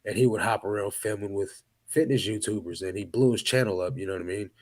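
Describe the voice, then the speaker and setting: A low-pitched man co-hosts a podcast in easy casual chat. He tells stories with energy and jumps into the voices of the people he quotes. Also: fast. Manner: animated storyteller, acts out quotes. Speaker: podcast co-host.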